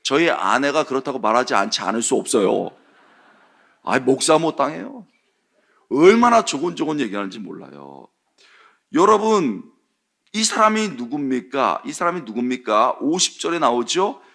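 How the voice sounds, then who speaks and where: A man's voice: medium pitch, big pitch swings, moderate pace, creaky, fairly bright tone. A male pastor and preaching professor giving a sermon, telling the story with animation and acting out the characters.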